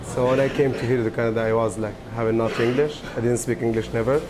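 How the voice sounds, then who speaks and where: A man who is a newcomer working at a restaurant, talking in halting, broken English in a news feature interview. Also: medium pitch, fairly even intonation, a crowd in the background. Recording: music bed under voice. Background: music.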